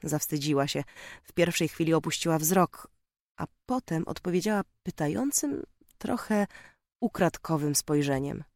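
Audiobook narrator, calm measured delivery, dry close read. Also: mid-range voice, no room sound. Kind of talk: scripted narration.

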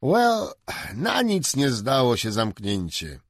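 A man reading aloud and voicing a genial, teasing middle-aged English gentleman, measured and mock-stern, a bit higher and louder than his narration. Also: huge pitch swings, no echo, clean studio sound, exaggerated voice. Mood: jovial.

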